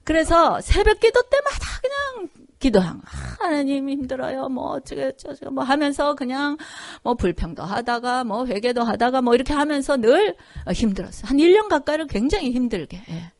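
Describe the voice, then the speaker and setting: A woman's voice: high voice, very animated, moderate pace, no echo, studio quality. A woman pastor giving a conversational Korean sermon, often checking in with the congregation and acting out the voices in her story. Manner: conversational preaching with frequent "그죠?" and "예?" asides. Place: church sanctuary.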